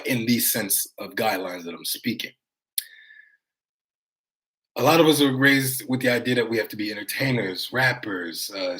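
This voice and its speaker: A man's voice: mid-range voice, fairly bright tone, low-quality recording. A young American man chatting casually to his viewers on a livestream, rambling between chat replies and longer thoughts. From United States. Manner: rambling, talks straight to viewers, many fillers. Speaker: vlogger reading live chat.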